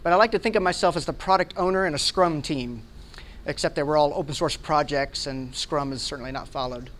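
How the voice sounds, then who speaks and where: Presenting to a group in an indoor meeting room, this conference speaker and software product manager gives a casual tech demo, chatting through it and frequently checking on his audience. He's an American man in his forties from Hawaii and Alabama, with a somewhat high, brisk, slightly bright voice and a little hiss or hum.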